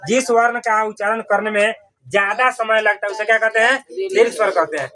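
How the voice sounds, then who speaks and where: High-voiced man teaching. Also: steady tone, a little fast, pushed and bright. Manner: call-and-response questioning, repeats answers. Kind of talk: classroom grammar lesson.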